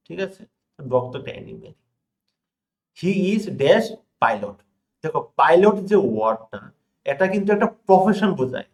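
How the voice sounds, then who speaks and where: Man teaching grammar, checking in often. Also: mid-range voice. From India. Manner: checks in often with rhetorical questions to students; stresses words, reads example sentences slowly. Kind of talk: classroom lesson explaining examples.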